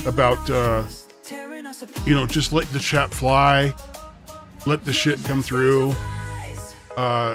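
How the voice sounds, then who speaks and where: Man on a clipping, distorted mic. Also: mid-range voice. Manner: confrontational, calling out a rival streamer directly. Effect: overmodulated, clipping distorted mic. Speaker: live streamer. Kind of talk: livestream rant.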